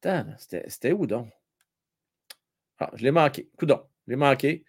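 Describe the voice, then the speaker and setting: Man, Quebec French accent, casual live-stream host, animated and teasing, repeats phrases. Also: medium pitch, moderate pace, vocal fry, breathy edge. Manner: chatty, teasing, repeats himself, many fillers. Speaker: live stream host reading viewer chat during a hockey game. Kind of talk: casual live chat with hockey updates.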